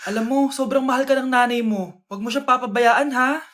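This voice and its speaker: Woman playing a gentle doctor. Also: on the high side, fairly quick, voice pushed down, natural voice. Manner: gentle, explaining. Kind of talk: comedy skit role-play.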